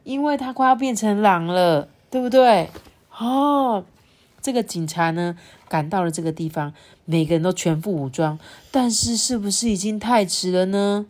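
A woman with a Taiwanese Mandarin accent reading a picture book aloud to her child, breaking off to ask questions and explain the story. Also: normal speed. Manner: expressive, sweeping pitch for drama, often quizzes the child. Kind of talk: storybook reading with chatty commentary.

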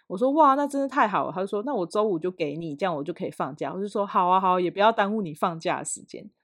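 A woman with a Taiwanese Mandarin accent and a slightly low voice co-hosts a chat podcast. She tells her stories animatedly and with open indignation, recorded close and dry. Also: racing, no echo. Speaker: podcast co-host. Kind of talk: casual chat.

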